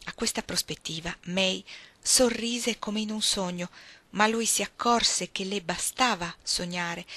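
Woman reading a novel, steady and clear, bright voice. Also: medium pitch, dry recording. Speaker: reader.

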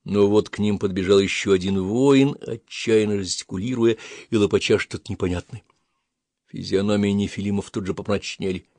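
Man, low voice, audiobook narration, steady even reading, dry close sound. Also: normal speed, no room sound. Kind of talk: scripted fantasy narration.

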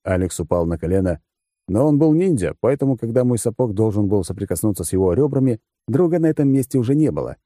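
A man's voice: fairly low pitch, expressive, fast talker, dark tone, no room sound, clean studio sound. A man narrating a first-person story with a wry, crude manner. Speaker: audiobook narrator.

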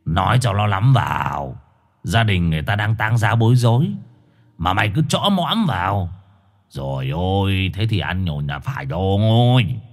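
A man voicing a calm dog that explains things in a lowered voice. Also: normal speed. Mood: scolding.

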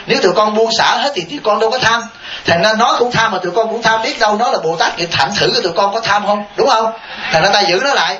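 A Buddhist monk with a high-pitched, pushed, bright voice talks fast as he gives a dharma talk and answers questions in a temple hall with listeners. He tells stories with chuckling asides and checks on his audience with rhetorical questions. The hall recording is echoey, dull, and lo-fi, with faint hiss.

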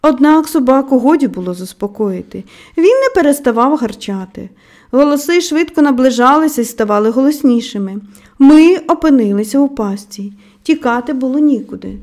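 A woman narrating an audiobook in a measured storytelling manner, letting her voice drop softly at the ends of phrases. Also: sits high, expressive.

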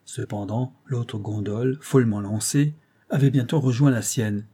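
A man narrating a classic tale as an audiobook in a measured, literary way. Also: mid-range voice, fairly even intonation, dark tone, breathy edge.

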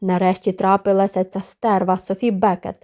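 A woman's voice: medium pitch, little pitch movement, moderate pace, a little mellow, lightly acted. A woman voicing a spiteful, gloating middle-aged stepmother in an audiobook. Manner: gloating, hissing.

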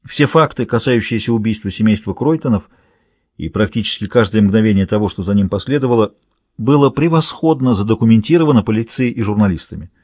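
A man narrating a thriller audiobook in a measured, even reading. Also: on the low side, no room sound. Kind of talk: scripted narration.

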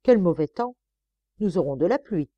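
A woman reading an audiobook, voicing a weak, dreamy male prisoner who speaks quietly and wistfully. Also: fairly low pitch, animated, moderate pace, no room sound, lo-fi sound.

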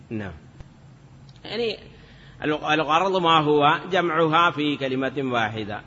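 A man's voice: fairly high pitch, sharp tone, big-room sound, muffled recording. A man teaching Arabic grammar in a patient classroom lecture, repeating examples and chanting some in a sing-song lilt.

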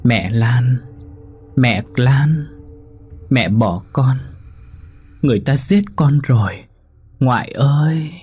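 A man voicing a small ghost child who begs its grandmother for help in a high, tearful voice. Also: expressive, slow pace, pauses often, darkish tone, husky, faint music behind, heavily acted. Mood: pleading, tearful. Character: ghostly little child, pleading and wounded.

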